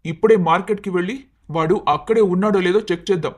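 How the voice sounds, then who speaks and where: Cartoon story: a performer as an earnest young husband, mid-pitched, emotional. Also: quick pace, close to an everyday voice. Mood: angry. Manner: pleading, emotional. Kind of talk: Telugu storybook cartoon dialogue.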